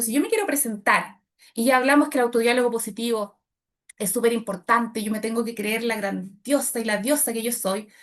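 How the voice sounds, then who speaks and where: A middle-aged woman teaching public speaking to a group of women, shifting her loudness and pace to demonstrate. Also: on the high side. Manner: expressive, demonstrates loud and soft delivery. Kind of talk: workshop talk to women.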